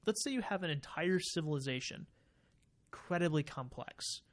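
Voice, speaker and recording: Slightly high and animated, this podcast co-host's voice moves at a moderate pace as he chats casually. He speculates at length and fills his explanations with fillers.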